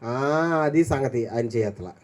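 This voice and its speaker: An older man preaches unhurriedly as pastor, his intonation lively. He asks his congregation questions and alternates between raised calls and low, quiet asides.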